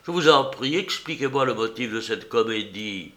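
A man voicing an impatient, hot-tempered young painter who talks loudly and presses for answers. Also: medium pitch, lively intonation, normal speed, natural voice. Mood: exasperated. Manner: exasperated, loud, pressing.

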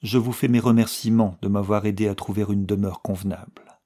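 A man reading the part of a sad young English widow in a storybook, speaking low and softly. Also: steady tone, fairly quick, natural voice. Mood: subdued. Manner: low, soft and withdrawn.

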